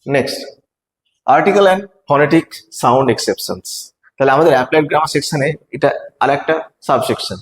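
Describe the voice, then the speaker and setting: A male teacher, explaining grammar step by step in an exam-prep lesson and reading example sentences slowly. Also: fairly high pitch, long reverb tail, low-quality recording. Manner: explains step by step, asks rhetorical checks.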